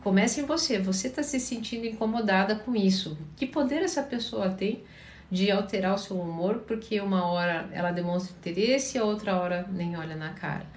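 A woman from Paraná with a Curitiba accent, a therapist calmly answering viewers' questions in a live chat, sounding tired. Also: medium pitch, brisk, reverberant, slight background noise. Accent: Curitiba Portuguese. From Paraná, Brazil. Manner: calm, advising, often checks in with listeners.

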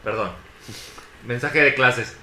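A man's voice: mid-range voice, slow, bright, forceful tone. A Mexican man co-hosting a podcast, opinionated and slangy in casual chat. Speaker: podcast co-host. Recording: roomy with faint noise.

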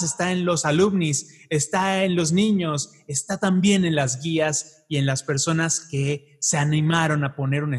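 A man's voice: on the high side, breathy edge. A man hosting a conversational podcast in an effusive, enthusiastic way. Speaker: podcast host.

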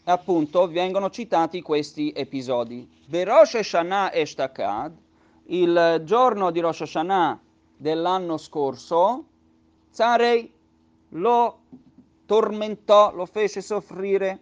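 A male teacher gives a text study lesson in a slightly raised voice. He reads out each phrase in Hebrew, then unpacks it slowly and patiently, restating each point. The recording sounds dull and lo-fi. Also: high-pitched, lively intonation, darkish tone. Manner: explains patiently, with many restatements.

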